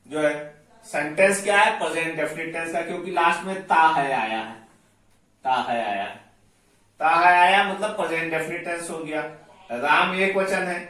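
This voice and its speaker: A man teaching English grammar, explaining each rule step by step and slowly repeating his examples. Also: on the high side, bright, forceful tone, far from the mic. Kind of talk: slow classroom explanation. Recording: very echoey room, voice away from the mic.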